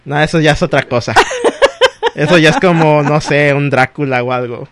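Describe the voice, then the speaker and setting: A man, co-hosting a casual chat, animated and laughing often. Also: on the high side, moderate pace. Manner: animated, laughs often, acts out quoted voices. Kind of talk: casual chat about exes.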